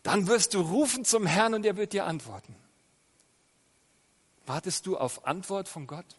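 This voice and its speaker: Male preacher, slightly high voice, questioning and emphatic, long church-hall reverb. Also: lively intonation, moderate pace, breathy edge. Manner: asks the listeners many direct questions; swells loud on key phrases, drops soft in prayer. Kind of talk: sermon with prayer.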